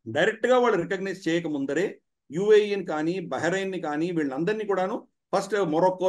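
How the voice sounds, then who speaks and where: A man speaking as a commentator guest in a studio discussion, explaining at length with frequent "ah" fillers. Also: high voice.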